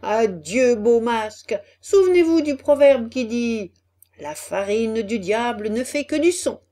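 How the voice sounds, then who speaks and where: A woman voicing a cheeky, excitable puppet boy in a storybook reading, with a high, loud, exclamatory delivery. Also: a little slow. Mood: scornful.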